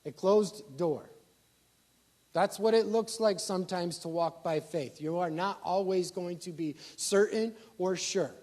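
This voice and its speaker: A pastor preaching a sermon, asking the congregation rhetorical questions and swinging from loud emphasis down to quiet asides. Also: male voice, high-pitched, unhurried.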